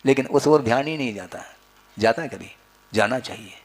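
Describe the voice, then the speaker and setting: A man's voice: medium pitch, expressive, moderate pace. A man giving a spiritual discourse as a wise religious teacher, instructing his listeners with rhetorical questions and repeated phrases.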